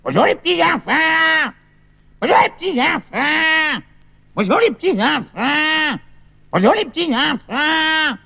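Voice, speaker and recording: An actor playing a cheeky old grandfather on a children's record who keeps shouting greetings and jumbles up his stories. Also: extremely high pitch, big pitch swings, slow pace, gravelly, slightly rough, exaggerated voice. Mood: hearty. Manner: repeats himself, shouts greetings, mixes up stories. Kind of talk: children's record comic acting.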